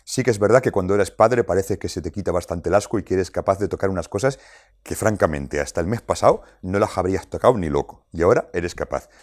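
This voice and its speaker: A man's voice: low voice, expressive, fast talker, darkish tone, no echo, studio quality. A man with a Spain Spanish accent giving a talk to parents, emphatic and repeating his points for effect. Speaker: parenting speaker. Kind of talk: lecture to parents.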